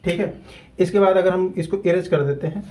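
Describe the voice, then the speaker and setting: A man, teaching a grammar lesson at a whiteboard. He repeats key terms slowly and deliberately so students can keep up. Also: high voice, darkish tone, low-quality recording.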